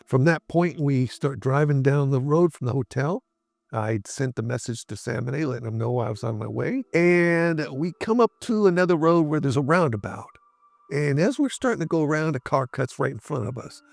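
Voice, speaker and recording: A middle-aged man, a guest in an interview, recounting events in a measured way with frequent pauses and fillers. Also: mid-range voice, gravelly, no echo. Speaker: interview guest, Navy veteran. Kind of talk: interview storytelling.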